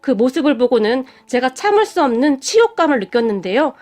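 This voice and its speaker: A woman's voice: high-pitched, sing-song, brisk, a little mellow. A woman reading a dramatic first-person story narration with emotional delivery.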